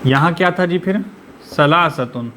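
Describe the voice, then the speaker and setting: A methodical male teacher leads an online lesson over a video call, his voice sitting a little high. He keeps asking the class question after question and explains each point patiently, with a faint hum underneath. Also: measured pace, a bit bright. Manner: quizzes the class with repeated rhetorical questions.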